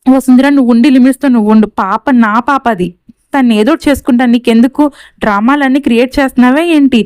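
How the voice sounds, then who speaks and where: A woman voicing a young mother who fires sharp, accusing questions. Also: on the high side, fast talker, clear, resonant tone, no room sound, natural voice.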